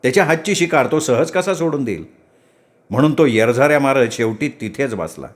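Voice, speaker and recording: A man's voice: medium pitch, expressive, fairly quick. A man narrating a story with dramatic, vivid delivery.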